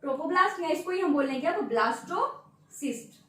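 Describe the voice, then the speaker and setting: In a very echoey room, a female biology teacher with an extremely high-pitched, slightly bright voice lectures at a board, a little fast and expressive. She turns key terms into questions she answers herself and keeps checking in with tag words. The mic is distant and she is off-mic.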